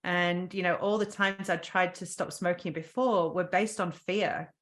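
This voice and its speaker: A woman's voice: fairly low pitch, fairly even intonation, measured pace, fairly bright tone. Earnest woman guest telling her story. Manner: earnest, restarts often with ums. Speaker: podcast guest. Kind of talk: reflective personal storytelling.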